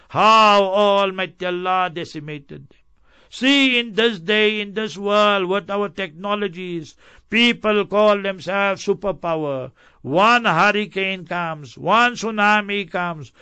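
A man's voice: sits high, bright, forceful tone, clear, resonant tone, no room sound. A man teaching a Quran commentary lesson, swiftly chanting each verse before explaining it with emphatic strings of synonyms.

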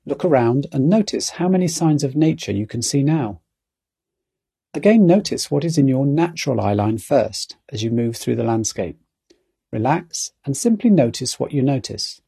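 Husky, mellow man guiding mindfulness. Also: mid-range voice, animated, normal speed. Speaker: guided mindful walking and jogging coach. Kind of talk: calm guided mindfulness exercise narration.

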